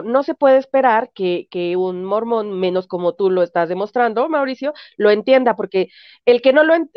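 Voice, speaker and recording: Woman guest, higher voice, muffled lo-fi call line, chatty and filler-heavy. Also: no room sound. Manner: chatty, laughs often, fillers like "este". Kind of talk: casual chat. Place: at home, in bed.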